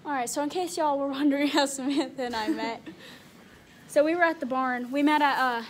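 A woman's voice: sits high, brisk, slight background noise. A young woman telling a casual, giggly story while filming herself in a horse barn. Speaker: vlogger. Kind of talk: casual vlog chat. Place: indoors in a large horse barn. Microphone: handheld phone at arm's length.

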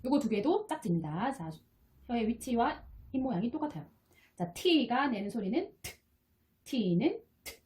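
A woman's voice: fairly high pitch, sing-song, normal speed. A woman teaching English phonics, explaining patiently step by step and repeating each sound. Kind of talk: explaining lesson. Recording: soft guitar music behind. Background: quiet guitar music.

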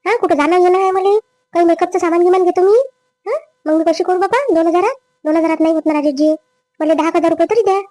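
A woman playing a greedy, scheming young wife in a family drama skit, with a quick, complaining manner. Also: very high voice, warm tone, no room sound. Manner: quick, complaining, rising whine. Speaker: daughter-in-law.

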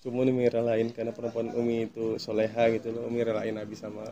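A man filming a prank on his wife at home, speaking tenderly and coaxing, then turning loud and laughing. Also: mid-range voice, monotone, fast talker, lo-fi sound, over loud music. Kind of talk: casual home prank vlog.

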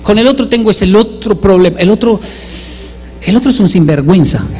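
A man doing stand-up storytelling, animated and self-mocking, acting out the voices of his family. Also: high-pitched, brisk, breathy edge, in a large hall, dull audio, faint music behind. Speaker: comedian.

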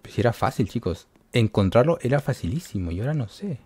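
A man giving excited gameplay commentary to his viewers, yelping and shrieking when he gets caught. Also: mid-range voice, fast talker, breathy edge. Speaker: gaming YouTuber.

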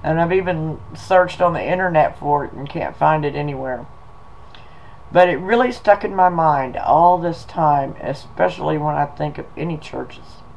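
A man talking casually to viewers and telling a folksy story in an unhurried, drawling way. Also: on the high side, vocal fry, muffled recording, a little hiss or hum. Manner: folksy, slow, drawling delivery with y'all and 'em. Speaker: video blogger.

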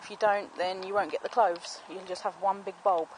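A woman gives a brisk, homely walk-through of her allotment garden, explaining and chatting as she films with a handheld camera and stays out of frame. Her mid-range voice holds a steady tone. The recording is outdoor camera audio with plainly audible background noise.

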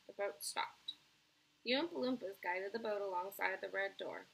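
A woman teacher reading a children's book aloud, expressive and friendly, now and then correcting herself. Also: mid-range voice, normal speed, creaky, slight background noise, rough recording. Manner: expressive, friendly storytelling with small self-corrections.

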